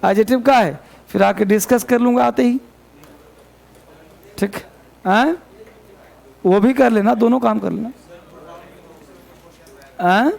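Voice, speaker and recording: High-pitched gravelly male teacher. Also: takes it slowly, pauses often, a little mellow. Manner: addresses students as babu, chiding and repeating. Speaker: English teacher. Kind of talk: classroom grammar lesson. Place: classroom with students.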